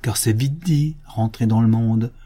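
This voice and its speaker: A man's voice: medium pitch, unhurried, warm tone, husky. A man reading the part of an aging priest, tired and compassionate, speaking with earnest sorrow. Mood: fervent grief. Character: weary compassionate aging male priest, grave and fervent.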